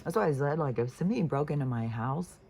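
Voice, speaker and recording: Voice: medium pitch, lively intonation, quick pace, vocal fry, a little mellow, slight background noise. A vlogger telling a story in a casual, profane, rambling way while venting.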